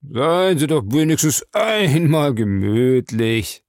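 A man voicing a smooth-talking, evasive male bar owner in an audiobook, lifting his voice higher and giving it a changed tone. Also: big pitch swings, normal speed, darkish tone, dry recording, studio quality.

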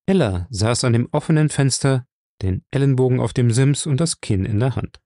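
A man narrating an audiobook in a measured, even storytelling manner, recorded close to the mic. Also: medium pitch, no echo.

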